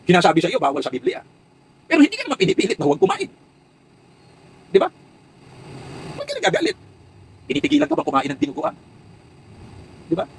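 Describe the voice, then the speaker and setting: A man's voice: very high-pitched, wildly swooping pitch, fast talker, gravelly, pauses often, a little hiss or hum, poor audio. A man delivering an impassioned commentary monologue, preaching with rhetorical questions and repeated emphatic lists.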